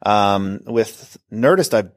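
Self-deprecating middle-aged man, low voice. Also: animated, slow. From Northern California. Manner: self-deprecating, rambling with restarts. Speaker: actor guest. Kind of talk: casual interview chat.

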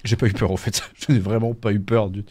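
A man commentating a horror game let's play in a jokey, animated way. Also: on the low side, a little fast. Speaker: gaming YouTuber.

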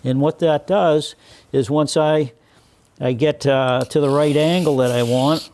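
A man in his sixties teaching woodworking in a workshop, explaining each step deliberately with many fillers and restarts. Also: a little high, steady tone, a little mellow, slight background noise. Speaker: woodworking instructor. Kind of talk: hands-on demonstration.

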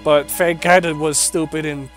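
A man's voice: fairly high pitch, fairly even intonation, normal speed, faint music behind. A man hosting a let's play, chatting and joking over the game's dialogue. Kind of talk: casual game commentary.

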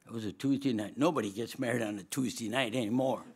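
Speaking fast in a mid-range, slightly rough voice, an older Swedish-accented man preaches at a lectern microphone before a large auditorium. He's a former dean giving a storytelling chapel sermon, full of humor and frequent laughter. His manner is lively, with broad gestures.

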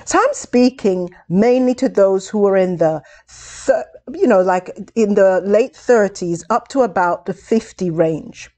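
Slow, deliberate woman teaching a lesson. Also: mid-range voice, lively intonation, dark tone. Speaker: public speaking instructor. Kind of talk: video lesson.

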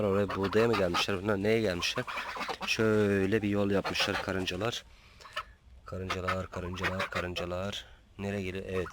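A man chatting casually on his farm vlog, talking to his chickens and geese, scolding and coaxing them as he films. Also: on the low side. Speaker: small-farm vlogger. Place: outdoors at a small backyard farm. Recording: outdoor farm with audible poultry noise. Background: chickens and roosters clucking.

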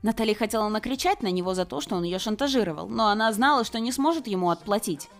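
Woman narrating an animated story, brisk, fast, lively pitch, faint background music.

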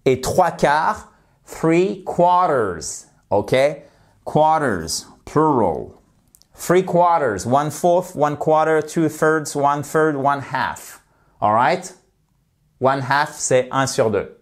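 Male language teacher for an online course, encouraging with viewers, exaggerates English words slowly for practice. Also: a little high, expressive. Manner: encouraging, addresses viewers directly.

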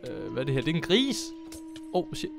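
Excitable young man narrating his gameplay. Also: a little high, vocal fry, faint music behind. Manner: chatty, excitable, laughs often. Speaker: gaming YouTuber. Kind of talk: casual Minecraft commentary.

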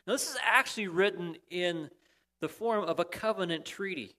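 A man's voice: high-pitched, normal speed, pushed and bright. A man preaching a sermon, explaining steadily and pressing key points. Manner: explanatory, emphatic at times, with restarts. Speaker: pastor.

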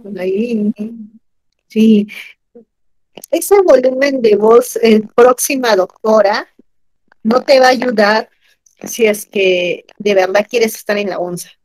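A woman teaching grammar in an online class, animated and asking her students questions often. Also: a little high, no echo, rough recording.

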